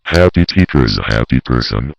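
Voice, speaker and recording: A computer-generated robot voice with a very deep, mechanical tone, played from a text-to-speech tool. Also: lively intonation, brisk, gravelly, dull audio, a crowd in the background, exaggerated voice. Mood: flat. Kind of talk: synthetic speech played from an app.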